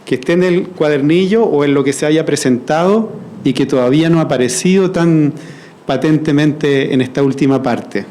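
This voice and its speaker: At a university launch in an event hall, a workshop facilitator leads the audience through a group verse-writing activity, coaxing answers with frequent check-ins. His voice is a little high and mellow, at a moderate pace, and the audio quality is poor.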